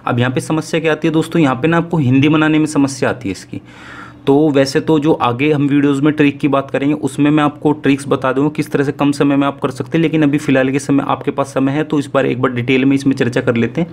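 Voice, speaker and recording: A man's voice: medium pitch, fairly even intonation, a little mellow. Friendly man explaining step by step. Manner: friendly, repeats "ठीक है" often, slows to read Sanskrit aloud. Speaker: exam prep teacher. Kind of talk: casual Hindi exam-prep lesson.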